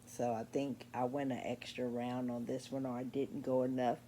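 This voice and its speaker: A woman in her sixties showing her crochet work in a casual vlog at home late at night, sleepy and meandering, with many pauses and ums. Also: rumbling low, flat delivery, dark tone, slight background noise. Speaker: crochet vlogger. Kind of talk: casual show-and-tell vlog.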